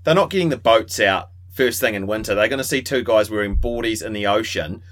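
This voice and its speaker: A man's voice: on the low side, brisk, fairly bright tone. A man co-hosting a podcast, chatting casually with wry teasing. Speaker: podcast co-host. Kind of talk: casual banter.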